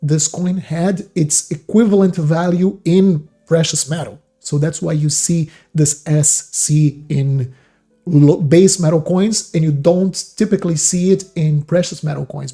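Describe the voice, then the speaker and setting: A channel host with an extremely dark, mellow voice talks through ancient coins with eager enthusiasm. The speaker often restarts sentences and stops to explain terms. Faint music plays underneath. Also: mid-range voice, steady tone, unhurried, husky. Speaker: host of a coin-collecting channel.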